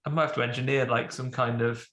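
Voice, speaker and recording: This podcast co-host chats casually in a medium-pitched, fairly bright voice, speaking fast with a fairly even intonation. He sounds a bit snuffly from a cold and rambles, often interrupting himself to restart sentences. The sound is roomy.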